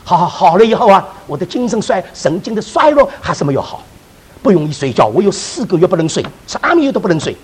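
A man preacher telling a testimony in a sermon, with animated storytelling and frequent restarts. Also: high voice, fast, breathy edge, poor audio.

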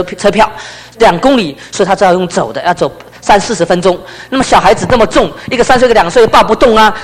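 Preacher guy, quick high voice, big echoey hall. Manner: storytelling, swings from loud emphasis to hushed low passages. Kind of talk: testimony sermon. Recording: long hall reverb.

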